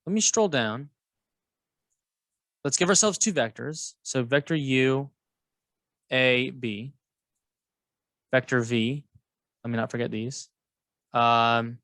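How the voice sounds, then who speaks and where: A man's voice: mid-range voice, slow pace, long pauses, a bit bright, no room sound. A man teaching math alongside a colleague, playful and jokey, guiding with questions. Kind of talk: co-teaching a lesson, casual banter.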